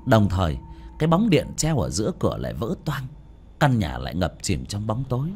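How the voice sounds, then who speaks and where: Male storybook narrator, huge swings in pitch, dramatic delivery. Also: a little fast, slight background noise. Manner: dramatic, expressive. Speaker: audiobook narrator.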